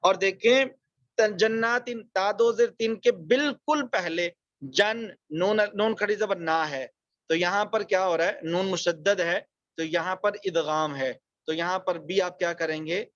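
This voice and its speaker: A man teaching a Quran recitation lesson online, explaining rules quickly and then reciting example words slowly and drawn out. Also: high voice, a bit bright, no room sound, dull audio.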